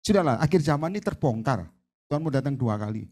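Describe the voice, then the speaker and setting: A man evangelist preaching a sermon, addressing the congregation emphatically and switching between loud exclamations and hushed storytelling. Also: mid-range voice, lively intonation, fast talker.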